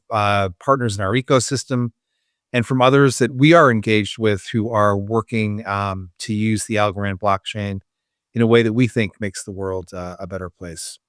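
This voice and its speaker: A man's voice: on the low side, a bit bright, no echo, studio quality. A man hosting a podcast, chatting casually and loosely, with frequent fillers and restarts. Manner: conversational, many fillers and restarts. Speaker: podcast host. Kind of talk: casual interview chat.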